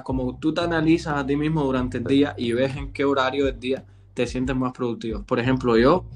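A man co-hosting a casual chat, relaxed and slangy, laughing easily. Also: medium pitch. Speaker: podcast co-host.

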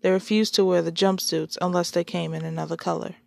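A woman's voice: fairly low pitch, little pitch movement, a little fast, gravelly, a little mellow, dry recording, studio quality. Casual woman podcaster reading a story. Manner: casual, apologetic, chatty. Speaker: podcast host and story reader. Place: shared home.

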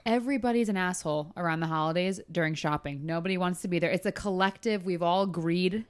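A young woman with a lowish voice co-hosts a podcast in loose, candid chat, full of blunt asides and curse words. The sound is dry and close, with no room around it. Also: fast, smooth, no room sound. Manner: candid, swearing, storytelling. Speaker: podcast co-host. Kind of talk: casual chat.

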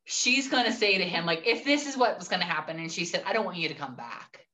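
A woman's voice: lowish voice, lively intonation, quick pace, pushed and bright. A woman co-hosting a casual chat, emphatic and blunt, swearing as she makes her points. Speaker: podcast co-host.

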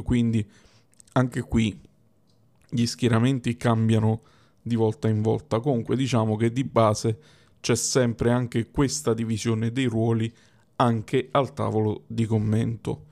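Creaky-voiced man explaining casually. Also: mid-range voice, mellow. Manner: conversational, thinks aloud and rephrases. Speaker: wrestling explainer host.

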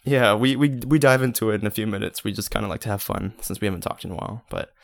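A man's voice: lowish voice, quick pace, creaky, no echo, clean studio sound. A man co-hosting a podcast in casual, jokey chat, often correcting himself as he goes. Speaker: podcast co-host. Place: spare, near-empty bedroom in a beach house. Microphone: podcast microphone with pillows in front.

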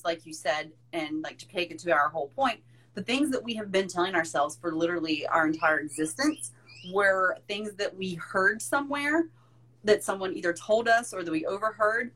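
A woman podcast host speaks in an easy, casual conversational tone. She is animated and peppers her talk with "like", throwing in curse words for emphasis. Her voice sits at a middling pitch. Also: breathy edge, poor audio. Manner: animated, frequent "like", swears for emphasis.

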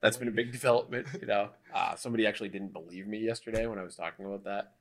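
A thirty-year-old man speaks in a low, gravelly voice. He co-hosts a casual podcast chat and jokes about himself in a dry way. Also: rapid-fire, a bit bright. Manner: dry, self-deprecating humor. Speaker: podcast co-host.

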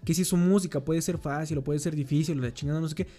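A man's voice: fairly high pitch, quick pace, mellow. A young man with a Mexican accent in casual, slangy chat, dropping "güey" every few words. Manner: slangy, says "güey" constantly.

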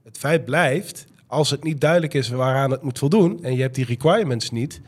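A man's voice: mid-range voice, a little fast, slightly rough. A man with a stuffy nose a cold, chatting as a test consultant on a podcast. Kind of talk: casual discussion.

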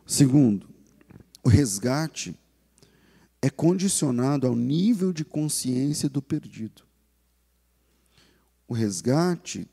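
A man with a Brazilian Portuguese accent preaching a sermon as pastor, animated and acting out the inner voices of lost people. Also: on the high side, gravelly, breathy edge, long reverb tail.

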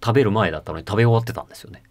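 A man hosting a casual chat, relaxed and joking as he leads the talk. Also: fairly low pitch, racing, no echo. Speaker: host. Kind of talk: casual chat recapping a tour.

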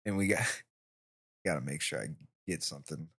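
A man's voice: very deep voice, normal speed, a bit bright, husky. A man hosting a podcast in casual chat, laid-back and profane. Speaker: podcast host.

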